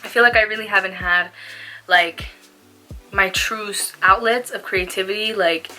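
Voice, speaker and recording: A woman's voice: medium pitch, steady tone, normal speed, pushed and bright, soft background music, low-quality recording. A young woman chatting casually in a laid-back, slangy stoner manner, as in a smoke-along vlog. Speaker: small YouTube vlogger.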